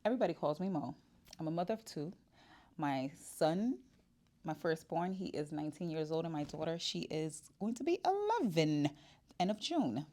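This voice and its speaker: Speaking from her shop, this woman in her 40s gives a casual personal vlog with lots of fillers and restarts. Her voice is low-pitched, very animated and warm, at a moderate pace.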